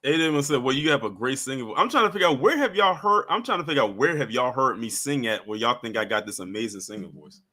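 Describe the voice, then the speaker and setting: This East Coast American man hosts a casual livestream, reading viewer comments in a relaxed manner broken by frequent chuckles, trailing off and restarting. His mid-range voice is pushed and bright, and he talks fast and animatedly, barely pausing.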